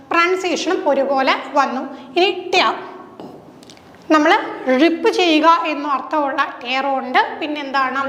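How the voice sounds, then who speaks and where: A woman's voice: high-pitched, fairly bright tone. A woman teacher with a Malayali English accent, a Malayalam speaker, runs an exam-prep lesson and asks questions that she answers herself. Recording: echoey room with long reverb.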